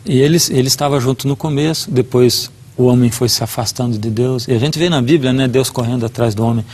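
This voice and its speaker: A man's voice: mid-range voice, fast, darkish tone. A middle-aged man, a guest preacher, giving a devotional talk and telling a personal story earnestly, acting out the dialogue.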